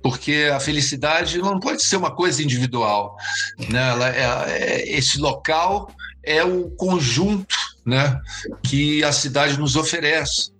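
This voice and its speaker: Halting, bright-voiced man. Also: on the high side, poor audio. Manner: halting, many restarts and repeated words. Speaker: interview guest, urban planning expert. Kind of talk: reflective interview answers.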